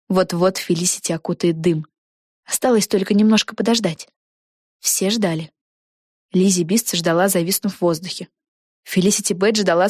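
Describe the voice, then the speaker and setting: A woman's voice: on the low side, no room sound, clean studio sound. Woman reading a children's storybook. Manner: lively expressive reading. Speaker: audiobook reader. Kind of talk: storybook narration.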